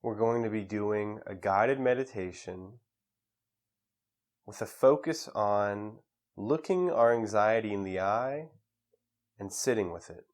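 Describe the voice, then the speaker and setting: In a calm, measured manner, a man guides a meditation, leaving pauses between phrases. His voice is lowish.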